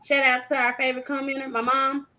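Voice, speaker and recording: A woman in her thirties hosts a relaxed panel talk, lively and full of laughter. Her voice sits a little high and rings bright and forward, with casual slang running through her chat. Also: quick pace, low-quality recording. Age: 30s. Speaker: host.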